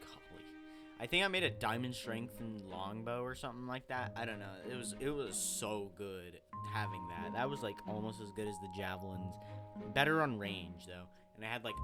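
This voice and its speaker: A man giving casual, rambling voiceover commentary on his own gameplay, often correcting himself as he goes. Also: on the low side. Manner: rambling, self-correcting, chatty. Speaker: gaming channel host.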